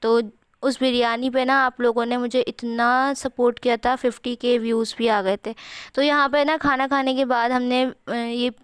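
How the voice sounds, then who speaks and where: Young woman vlogger with a sore throat, smooth, steady voice. Chatty, rambling voice-over, dry close mic. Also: a little high, normal speed, no room sound. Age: young adult. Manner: chatty, rambling, many fillers. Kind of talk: home cooking vlog voice-over.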